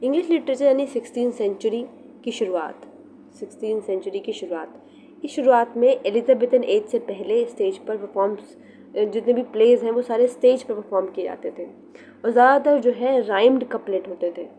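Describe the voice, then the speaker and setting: Young woman, exam-prep lecturer, patient step-by-step explainer, slightly high pitch, light background noise. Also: normal speed, mellow. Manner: explains step by step, repeats key terms, mixes in English. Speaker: literature teacher.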